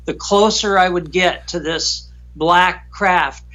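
A man guest recounting a frightening personal story in an emotional, halting way, often repeating himself. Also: high voice, pushed and bright.

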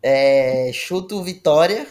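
A man's voice: on the high side, lively intonation, slow pace, a little mellow. A man with a Brazilian Portuguese accent hosting a football talk, chatting informally and with plenty of slang, as if among friends. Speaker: football podcast host. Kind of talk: casual chat among friends.

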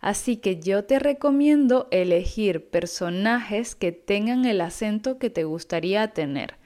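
A woman giving an online Spanish lesson in a clear, patient, instructive way. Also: mid-range voice, expressive, a little slow, a little mellow. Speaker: Spanish teacher.

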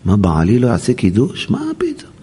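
A man's voice: on the low side, wildly swooping pitch, mellow, breathy edge, full character voice. A man acting out a devout young woman who insists her husband has a good heart. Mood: pleading. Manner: pleading, insistent.

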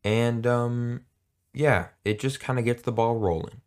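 A man co-hosts a casual music podcast, chatting in a rambling, hesitant, jokey way with many fillers. His mid-range voice has a clean tone, and he speaks a little slowly.

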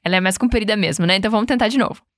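A Brazilian woman hosting a podcast English lesson, upbeat and coaching, modelling English words slowly and prompting the listener to repeat them. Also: medium pitch, a bit bright, no room sound, studio quality. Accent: Brazilian Portuguese. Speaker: English teacher and podcast host. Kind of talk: podcast language lesson with repeat-after-me drills.

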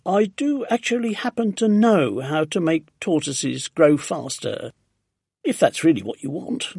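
A man voicing a shy, earnest storybook gentleman who speaks politely and solemnly, with some hesitation. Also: on the high side, animated, unhurried, creaky, breathy edge, no echo, studio quality, exaggerated voice. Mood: hesitant, earnest. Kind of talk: storybook character voice.

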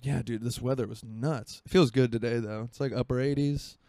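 Talking briskly in a dark, medium-pitched voice with fairly even intonation, a Florida man in his 20s hosts his own podcast from his home near a marina. The chat is casual, rambling and self-deprecating.

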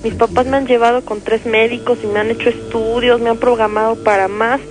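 A terrified young woman, played by an actress, calling into a late-night radio show to beg for help, her voice shaky and pleading. Eerie music plays clearly behind her throughout. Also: on the high side, little pitch movement, fairly quick, close to an everyday voice, rough recording. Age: young adult. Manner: pleading, fearful. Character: frightened young woman who believes she is possessed. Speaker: caller.

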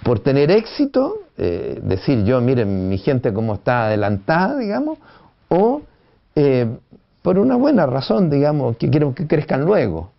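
A man giving an unhurried classroom lecture on education, often pausing with "eh" and tag questions. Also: mid-range voice, wildly swooping pitch, gravelly. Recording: dull lo-fi recording.

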